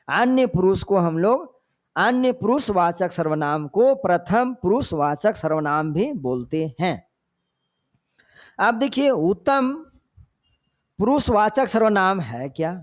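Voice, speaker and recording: Slow, high-voiced Hindi grammar teacher. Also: male voice. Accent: Hindi from Jharkhand. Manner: slow and repetitive, often tells students to pay attention. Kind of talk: exam-prep lecture.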